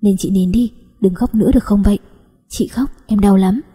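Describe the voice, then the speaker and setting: A woman's voice: mid-range voice, fairly even intonation, fairly quick, warm tone, breathy edge, in a large hall. A woman voicing a protective young cousin who coaxes and scolds tenderly in a story reading. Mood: coaxing.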